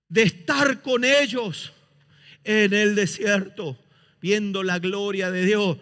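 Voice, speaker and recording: Male pastor, fervent sermon delivery; high, sharp voice in a reverberant church. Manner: impassioned preaching, mimics excuses and quotes scripture. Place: church sanctuary.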